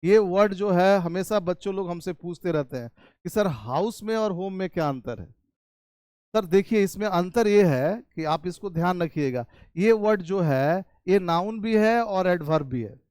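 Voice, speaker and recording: A man from India, an English teacher giving a chatty spoken-English lesson in Hindi, teasing his students and drawing out model sentences slowly, with a Hindi-accented English. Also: high voice, lively intonation, a little mellow, smooth, no echo.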